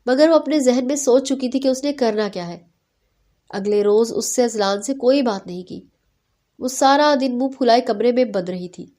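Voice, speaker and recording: A woman narrating a romance novel in a steady storytelling manner. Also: on the high side.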